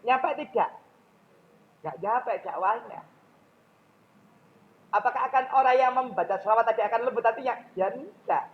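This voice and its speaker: A man's voice: very high-pitched, moderate pace, long pauses, muffled recording. A man with a Javanese accent giving a public speaking lecture in a mosque, often questioning his audience directly.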